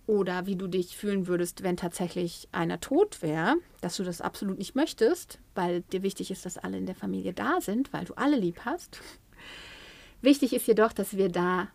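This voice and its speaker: A woman giving parenting advice in a lively way, acting out what parents and children say. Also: medium pitch, no room sound. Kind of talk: advice talk.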